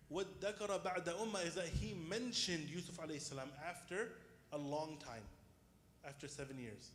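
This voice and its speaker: A male religious teacher with a fairly high voice leads an informal class. He explains step by step, putting questions to listeners and restating key points. The room is very echoey, with faint background noise. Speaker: Islamic teacher. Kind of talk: informal interactive religious lesson. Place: indoors in a reverberant room.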